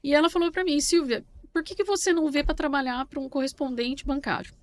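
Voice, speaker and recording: Middle-aged lady from brazil on a podcast, bit high voice, lively storyteller. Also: fast talker. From Brazil, São Paulo state. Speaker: guest, banking correspondent. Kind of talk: casual interview chat.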